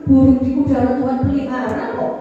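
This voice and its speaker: A woman pastor preaching a sermon, calling out to the congregation, with singsong rises and sudden low drops. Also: level tone, a little fast, dull audio, slight background noise. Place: large church hall. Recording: echoey hall, voice from far off.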